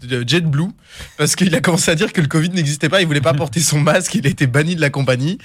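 A man's voice: a little high, quick pace. A young man, hosting a rap news podcast with playful, teasing banter and frequent laughter. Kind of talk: lively hosted podcast banter.

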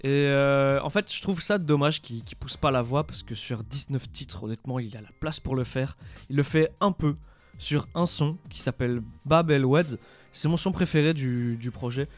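Halting man talking rap. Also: medium pitch, soft background music. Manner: halting, many restarts and fillers. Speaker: rap news panelist. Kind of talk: casual studio debate.

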